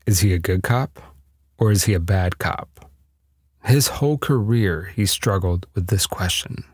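A man's voice: sits low, unhurried, darkish tone, slightly rough, no echo, studio quality. A man narrating a scripted true-story podcast with a dramatic storytelling delivery.

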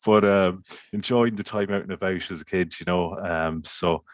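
A man's voice: sits low, fairly even intonation, moderate pace, dry recording. A man with a west of Ireland accent, chatting casually as an interview guest in a hesitant, meandering way. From County Mayo, Ireland. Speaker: podcast guest, community water officer.

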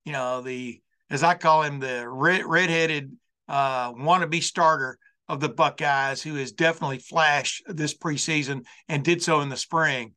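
A man's voice: a little high, steady tone, measured pace, pushed and bright. A man hosting a college football show with an unscripted monologue, folksy and rambling, often circling back over his phrases. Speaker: sports talk show host.

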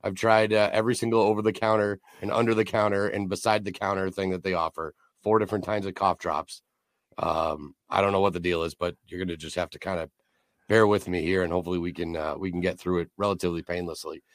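Hoarse, raspy low-voiced man hosting a podcast. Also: little pitch movement, fast, no room sound. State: hoarse, nearly lost voice. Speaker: podcast host and announcer. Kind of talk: casual sports podcast talk.

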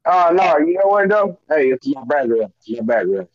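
A man's voice: on the high side, very animated, moderate pace. Muffled man, as if through a wall. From Florida. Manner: loose, profane, repeats himself. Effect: muffled, as if heard through a wall. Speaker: caller in a live-stream roast contest. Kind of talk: casual trash-talk roasting. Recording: dull, muffled call-in audio.

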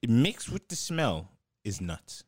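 A man's voice: mid-range voice, sing-song, slow, no room sound. A young man telling stories in casual podcast chat, slangy and laughing often.

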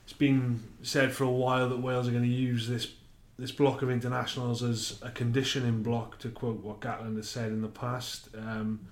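A male sports writer with an even, flat voice explains a match in casual podcast chat. He sounds eager, and the room around him rings with echo. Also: medium pitch, moderate pace, few pauses. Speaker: rugby writer, podcast co-host.

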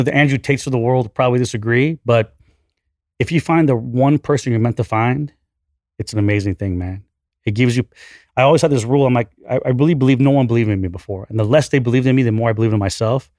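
A man's voice: mid-range voice, a little mellow, no room sound, studio quality. A man interview guest who speaks brashly and with great enthusiasm. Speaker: podcast guest, entrepreneur. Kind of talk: candid interview conversation.

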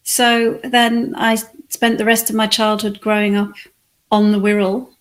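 A woman from England, reflecting on her life as an interview guest in a soft, thoughtful way. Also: mid-range voice, flat delivery, measured pace. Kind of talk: conversational interview.

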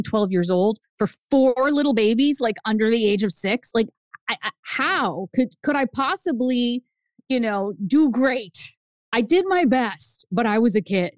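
A Spanish-speaking woman in her fifties from the United States tells her family's story as a guest author in an interview. She's animated, and her pitch swings up high for emphasis. She talks at a normal speed, and the recording is dry.

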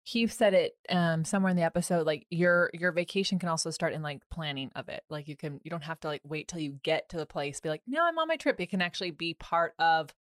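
A woman's voice: low-pitched, steady tone, fast talker, hardly any pauses, dry recording, clean studio sound. A woman hosting a podcast, chatting casually and telling stories with frequent fillers. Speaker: podcast host.

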